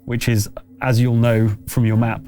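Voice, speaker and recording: Speaking at a normal speed in a dark, monotone mid-range voice, a man serves as game master for a tabletop roleplaying session. He narrates and explains conversationally, with a touch of hesitation.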